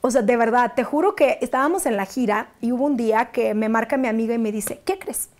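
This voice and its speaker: A woman's voice: fast talker, a little hiss or hum. A young adult woman, an actress as interview guest, telling a personal story in casual chat and acting out the quotes. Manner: animated, acts out quotes with sudden high bursts.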